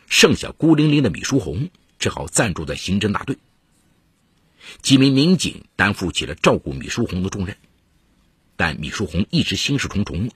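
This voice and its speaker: Male narrator for a crime story: breathy rasp, animated delivery, dry booth sound. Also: fairly low pitch, dry recording. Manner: measured storytelling with dramatic emphasis. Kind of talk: scripted true-crime narration. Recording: dry close studio voice-over.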